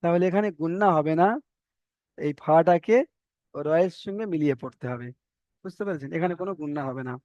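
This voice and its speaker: A man teaching Quran reading, spelling out syllables slowly one by one and often checking that the students follow. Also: on the high side, a little mellow, no room sound, dull audio. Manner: slow, drawn-out letter-by-letter spelling with repeated checks. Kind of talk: spelling-out recitation lesson.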